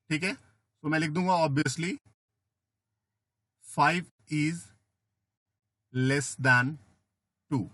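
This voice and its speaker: A man teaching math in a classroom lecture, often asking "है ना?" to check understanding and gently teasing students. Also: a little high, no echo, studio quality. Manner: coaxing, asks "है ना?" and "ठीक है?" after each step; playful teasing of students, calls them बेटा. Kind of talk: classroom lecture mixing Hindi and English.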